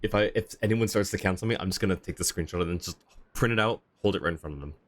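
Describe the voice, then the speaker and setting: Livestreaming a game, this low-pitched man comments casually and jokes with his viewers, speaking haltingly and cutting himself off.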